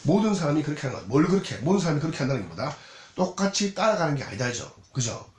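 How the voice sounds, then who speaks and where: Rapid-fire and very animated, a man with a slightly high voice and a Gyeongsang Korean accent teaches an English exam lecture, peppering it with rhetorical questions. Roomy echo, faint noise, and clicks run through the recording.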